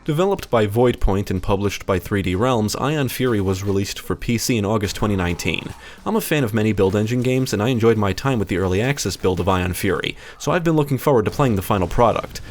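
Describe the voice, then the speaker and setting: A man's voice: fairly low pitch, quick pace, hardly any pauses, slight background noise. A man narrating a scripted video game review as a voice-over.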